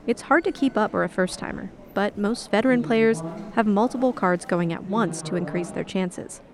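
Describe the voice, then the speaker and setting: A woman reporter reading a scripted radio news feature in a narrator's measured storytelling style. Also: mid-range voice.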